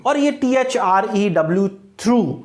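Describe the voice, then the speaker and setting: A man's voice: sits high, expressive, slow. Man, teacher, exam-prep lesson, spells out words, repeats answers. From India. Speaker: English teacher.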